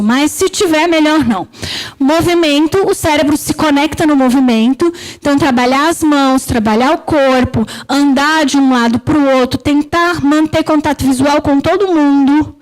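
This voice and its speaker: A woman's voice: high-pitched, low-quality recording. A woman with a Brazilian Portuguese accent giving a conversational lecture, often checking in with "né?". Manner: conversational, frequent "né?" and "tá?" check-ins. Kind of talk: lecture on political speaking.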